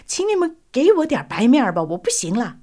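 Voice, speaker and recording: A woman's voice: medium pitch, very animated, fairly quick. A woman voicing a desperate middle-aged male drug addict who cries out and begs in anguish.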